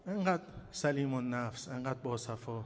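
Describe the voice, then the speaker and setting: A man, a cleric, giving a sermon full of personal memories, swelling loud and then dropping soft. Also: medium pitch, expressive. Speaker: cleric speaker. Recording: hall reverb with faint ambient noise.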